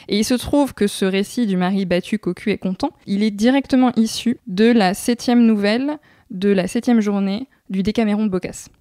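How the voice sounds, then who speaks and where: A woman's voice: medium pitch, moderate pace, mellow, no echo, clean studio sound. A young adult woman answering as a guest researcher, explaining at length with many thoughtful hesitations.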